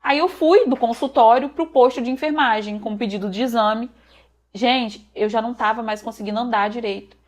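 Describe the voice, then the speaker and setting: A young Brazilian woman vlogger shares a personal testimony, her voice on the high side and her pace normal. She earnestly tells her own emotional story, calling her viewers "gente" and acting out the dialogue.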